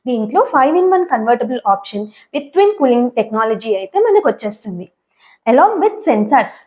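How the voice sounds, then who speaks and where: Home vlogger, woman, 30s; conversational intro, slightly raised pitch. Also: sing-song, takes it slowly, warm tone, slightly rough. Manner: chatty, mixes in English terms. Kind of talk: friendly channel intro.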